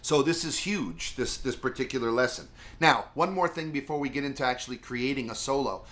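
A middle-aged man explains guitar solos in a loose, chatty way and wanders off on tangents. His voice has a bright, forward edge, and his pitch sits in an ordinary middle range. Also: brisk. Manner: rambling, chatty, lots of fillers. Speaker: music teacher. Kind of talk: casual video guitar lesson.

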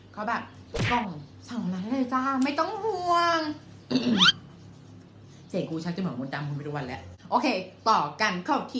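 Young woman, casual Q&A vlog, lively pitch, roomy sound with faint noise. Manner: chatty, playful, swears and laughs. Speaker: vlogger. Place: at home.

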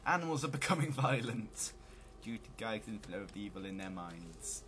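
A man's voice: lowish voice, big pitch swings, brisk, fairly bright tone, slight background noise. A man hosting a let's play, giving casual, joking commentary on a video game.

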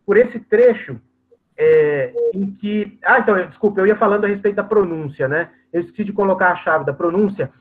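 Man lecturer, hesitant and explanatory, high voice, thin phone-line audio from a video call. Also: a little fast. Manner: hesitant, explanatory, frequent "é" fillers. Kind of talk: academic lecture.

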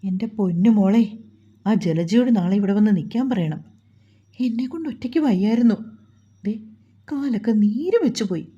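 A woman's voice: medium pitch, normal speed, pauses often, warm tone, slightly rough, muffled recording, close to an everyday voice. A woman voicing a gossipy household helper who grumbles and complains in confidence, in a storybook reading. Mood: grumbling.

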